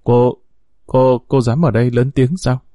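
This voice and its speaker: A man's voice: medium pitch, steady tone, measured pace, dark tone, dry recording, clean studio sound, close to an everyday voice. A man reading a storybook as a scheming young female secretary who whines and complains tearfully. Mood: indignant.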